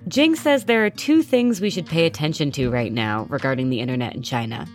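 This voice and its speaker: A woman host with a low-pitched voice narrates a scripted story and interviews a guest, using a measured, explanatory delivery. Soft music plays in the background.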